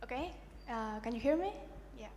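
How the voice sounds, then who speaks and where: A woman's voice: fairly high pitch, lively intonation, normal speed, darkish tone, a little hiss or hum. A young woman from Colombia introducing herself on stage, hesitant and searching for words. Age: young adult. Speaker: panelist. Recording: echoey hall, voice off mic.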